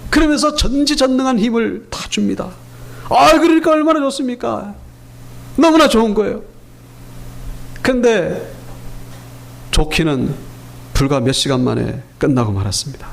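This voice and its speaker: A male pastor delivers a sermon in a church sanctuary, throwing rhetorical questions at his listeners. His voice sits very high and has a gravelly, fry-edged texture. When he retells a story, he slips into the quoted voices. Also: big pitch swings, normal speed, pauses often. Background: congregation answering amen.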